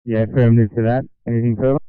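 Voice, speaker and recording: A man's voice: mid-range voice, level tone, rapid-fire, clean tone, no room sound. A man working as a radio coordinator, giving unscripted operational instructions over a two-way radio. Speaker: coast control radio coordinator. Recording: narrow-band dry radio transmission.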